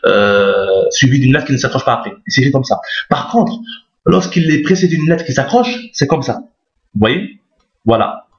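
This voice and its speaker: A man teaching a recorded lesson in a patient, repetitive way, often checking that his listeners follow. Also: mid-range voice. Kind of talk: recorded Arabic alphabet lesson. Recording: roomy, dull lo-fi sound.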